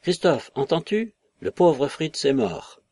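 A man doing a loud, gruff father. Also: big pitch swings, moderate pace, dry recording. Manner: booming and reproachful.

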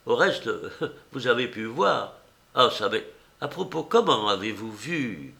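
A man's voice: medium pitch, big pitch swings, measured pace, creaky, bright, forceful tone, full character voice. A man voicing a garrulous, fussy old woman enameller who rambles on in a prim way. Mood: rambling. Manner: chatty, meandering, prim.

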